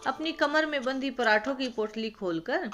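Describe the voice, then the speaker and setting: A woman narrating a moral story in a steady, calm storytelling voice. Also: sits high, normal speed. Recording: background music.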